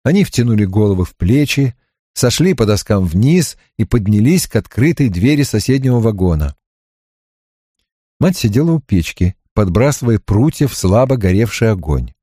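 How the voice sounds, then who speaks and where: A man narrating a novel as an audiobook in an expressive, measured reading. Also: lowish voice, husky, no echo, studio quality.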